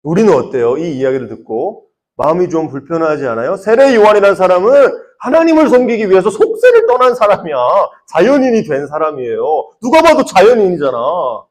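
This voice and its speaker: 질문을 던지며 말하는 높은 목소리의 젊은 남자. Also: male voice, high voice, big pitch swings, a little fast, few pauses. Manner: conversational, asks the listeners many questions; often drops to a soft, quiet voice. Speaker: youth pastor. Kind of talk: sermon to teenagers.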